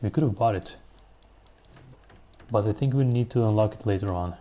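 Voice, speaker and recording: This gamer's voice sits on the low side and moves at an ordinary speed. Streaming live, he keeps up easygoing commentary, musing to himself mid-play and responding to his chat.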